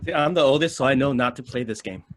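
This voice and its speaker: A man's voice: medium pitch, fast talker, slight background noise. A man in his thirties co-hosting a casual podcast chat, wry and good-humored. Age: 30s. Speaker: co-host.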